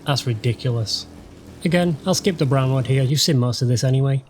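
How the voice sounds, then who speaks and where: A man's voice: mid-range voice, fairly quick, darkish tone, slight background noise. A man from the UK, a gaming channel host, giving sarcastic, dryly mocking voice-over commentary over gameplay. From United Kingdom. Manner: sarcastic, dry mocking humour. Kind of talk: let's-play voice-over commentary.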